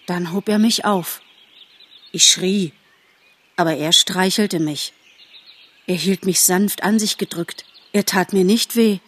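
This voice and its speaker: A woman voicing a boastful, earnest young male deer in a spoken storybook, with a somewhat husky tone. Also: on the low side, slow, pauses often, fairly bright tone.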